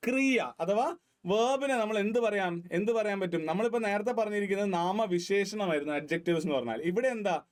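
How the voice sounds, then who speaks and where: A man's voice: fairly high pitch, a little mellow. Quizzing Malayali man teaching grammar. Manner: quizzing listeners with questions; mixing English terms into his talk. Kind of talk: online grammar lesson.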